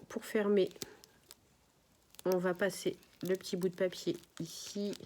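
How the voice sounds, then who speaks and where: A middle-aged woman hosts a crafts tutorial, chatting her way through a step-by-step demonstration and explaining each move as she makes it. She speaks in a mid-range voice and apologizes often. There is slight background noise.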